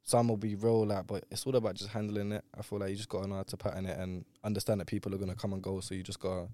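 A man's voice: fairly low pitch, little pitch movement, rapid-fire, warm tone. A young man with a London roadman accent, chatting casually and in slang as a music guest on a talk show. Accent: London, urban roadman slang style. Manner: slangy, colloquial. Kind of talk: casual chat.

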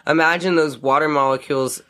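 A woman's voice: low voice, fairly even intonation, brisk, a bit bright. A woman hosting a podcast in enthusiastic casual chat, saying "dude" often and swearing freely.

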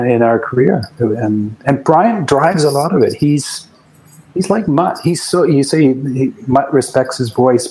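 A man's voice: medium pitch, a little mellow, slight background noise, rough recording. A man, a guest musician, telling rambling anecdotes in a casual interview, often restarting his sentences.

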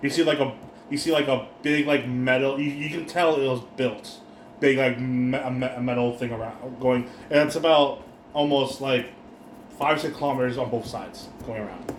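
A man's voice: mid-range voice, steady tone, moderate pace. A man runs a tabletop session as game master. He describes scenes in a rambling way, full of restarts. The room is echoey, with a faint background hiss.

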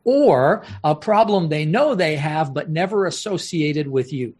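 Male guest speaker, high-pitched, anecdotal storyteller with comic timing. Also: animated, a little slow, a little mellow, husky. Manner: anecdotal, punchline-driven, laughs easily. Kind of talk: storytelling interview talk.

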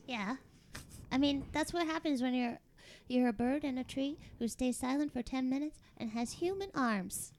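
A woman's voice: high voice, normal speed, a little mellow. A woman playing a cheeky, blunt half-bird child with human arms in an improv sketch. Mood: matter-of-fact. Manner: blunt, teasing.

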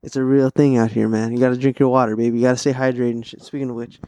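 A man's voice: medium pitch, flat delivery, rapid-fire, warm tone, no echo. A young man, audibly stoned, rambling in slangy, sweary, laid-back podcast chat and repeating himself. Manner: profane, repeats phrases. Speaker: podcast host.

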